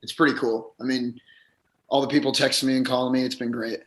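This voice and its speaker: Hoarse man in a roomy space. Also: medium pitch, level tone, fast talker. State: hoarse, voice a little gone. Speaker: professional golfer, podcast guest. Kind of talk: casual chat.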